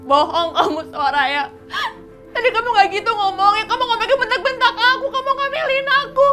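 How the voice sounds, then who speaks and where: A woman's voice: extremely high pitch, brisk, pushed and bright, soft background music. An actress playing a scheming young woman who fakes a pregnancy, whiny and accusing, with fake tears. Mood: whiny tearful. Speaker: actor in a TV soap. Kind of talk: TV soap acting.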